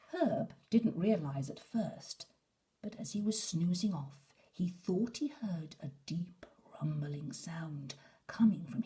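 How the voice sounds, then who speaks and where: A woman with a fairly low-pitched voice tells a children's bedtime story, narrating expressively and dramatically and at times softening into a breathy near-whisper.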